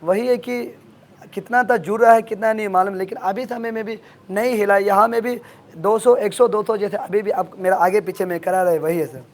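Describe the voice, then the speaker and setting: A man from Arunachal Pradesh, an activist guest, answering interview questions earnestly and insistently, his voice hoarse from days of shouting. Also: high-pitched, fairly even intonation, moderate pace. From Arunachal Pradesh, India.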